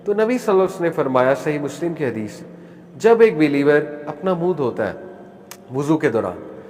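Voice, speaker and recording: A man's voice: fairly high pitch, a little hiss or hum. Earnest man speaking in a reverberant hall. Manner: calm, earnest, mixes English phrases into Urdu; recites Arabic prayer phrases and explains them. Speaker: Islamic speaker. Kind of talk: religious talk.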